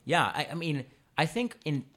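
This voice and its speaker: A man's voice: on the high side, lively intonation, normal speed, fairly bright tone. A young Canadian man co-hosting a casual podcast, patiently explaining his view and acting out what other people say. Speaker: podcast co-host. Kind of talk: casual chat.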